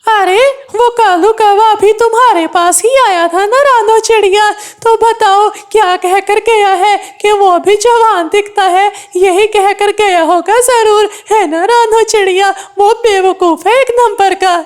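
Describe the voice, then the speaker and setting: Cartoon: gossipy, scornful male parrot, high and drawn-out, woman voicing. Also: steady tone. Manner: teasing, scolding. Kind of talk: cartoon voice acting.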